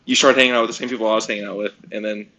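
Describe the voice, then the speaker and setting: A teenage man co-hosting a casual podcast, teasing his friends and quick to laugh. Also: on the low side, fairly even intonation, bright, forceful tone. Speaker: podcast co-host. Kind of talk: casual chat.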